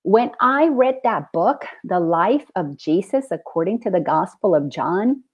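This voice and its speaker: A middle-aged woman from the Dominican Republic hosts a spiritual conversation and tells her story with earnest, animated feeling. She speaks unhurriedly in a mid-range voice with a breathy edge, and the highs are cut off.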